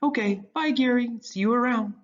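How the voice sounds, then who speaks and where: A man voicing an eager, earnest teenage boy with a bright, high voice. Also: moderate pace, dull audio, slight background noise. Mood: cheerful.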